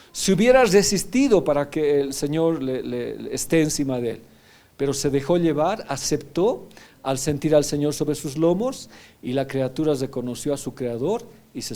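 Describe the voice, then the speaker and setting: Pastor preaching in a mellow voice. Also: male voice, medium pitch, gravelly. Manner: teaching, often checking in with "¿ya?". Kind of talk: sermon.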